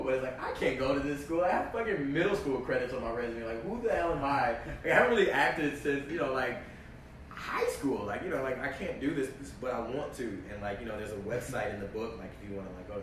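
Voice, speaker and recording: A young man telling a story in casual chat, animated and full of "like", acting out his own reactions. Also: medium pitch. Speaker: actor telling a story on a livestream. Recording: echoey, distant mic, faint noise.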